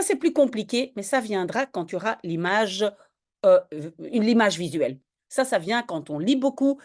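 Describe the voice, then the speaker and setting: A woman's voice: mid-range voice, darkish tone. A woman tutoring a student in French spelling, patiently explaining each word step by step. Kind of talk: one-on-one spelling lesson.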